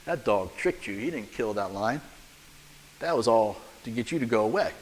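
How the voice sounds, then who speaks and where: A man's voice: on the low side, expressive, normal speed, darkish tone, a little hiss or hum, pitched below the performer's own voice, lightly acted. A man voicing a slangy monkey tattling to a lion in a joke, in a reverberant church. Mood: urgent. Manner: slangy, urgent.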